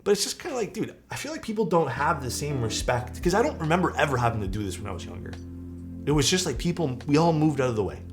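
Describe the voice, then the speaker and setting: Over music, the keyboard-building streamer in his thirties speaks at a quick pace in a fairly high voice with big pitch swings. He rambles and vents casually while reading viewer comments, using many fillers and some swearing.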